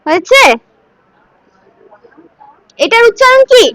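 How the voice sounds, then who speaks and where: High bright woman teaching recitation. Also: expressive, takes it slowly, no echo, poor audio. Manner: coaxing, asks students to repeat syllables. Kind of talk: line-by-line Sanskrit pronunciation lesson.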